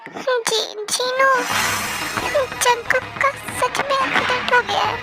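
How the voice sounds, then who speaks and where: Woman as firm father: calm, decisive, amateur dub. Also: very high voice, takes it slowly, faint music behind, exaggerated voice. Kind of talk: amateur Hindi fan dub.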